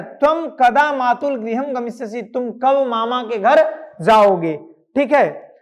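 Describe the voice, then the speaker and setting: A man, a Sanskrit teacher, explaining a school lesson step by step, asking questions aloud and answering them himself. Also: very high voice.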